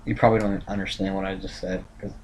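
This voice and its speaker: Halting low-voiced man on a noisy livestream. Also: fairly even intonation. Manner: halting, self-correcting, thinking aloud. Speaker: livestream host tracking a tropical storm. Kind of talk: casual rambling livestream commentary. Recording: clear background noise, room ambience.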